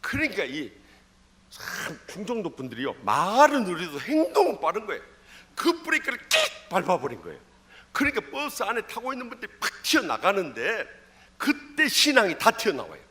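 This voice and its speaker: A middle-aged male pastor from Jeolla with a Jeolla accent, preaching a sermon in an animated storytelling manner, swinging between loud calls and low asides in a church. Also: moderate pace. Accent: Jeolla Korean. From Jeolla, South Korea. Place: church sanctuary.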